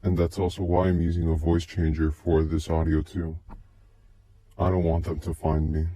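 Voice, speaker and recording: A man's voice pushed very deep by a voice changer. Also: flat delivery, warm tone, slight background noise. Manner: slow, halting, brooding delivery. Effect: deep pitch-shifting voice changer. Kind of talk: first-person scripted narration of a recorded tape.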